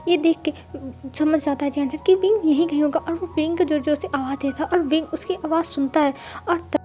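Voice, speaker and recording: A woman telling a love story aloud in a casual, conversational way that loops back on itself. Her voice is high yet mellow and warm. She speaks as the storyteller throughout. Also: fairly even intonation, brisk, faint music behind. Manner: conversational, repetitive retelling. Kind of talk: retelling fan fiction aloud.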